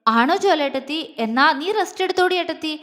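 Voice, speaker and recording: A woman's voice: high voice, expressive, fast talker, fairly bright tone, big-room sound. A woman voicing a playful, pouty young woman who teases and insists, in a story reading. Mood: teasing. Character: teasing, pouting young woman, playful sister-in-law.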